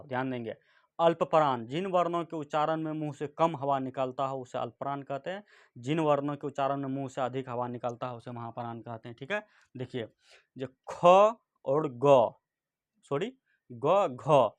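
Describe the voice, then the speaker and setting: A man teaching a grammar lesson at a board, speaking slowly and repeating each point and checking in with the class often. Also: mid-range voice, dry recording.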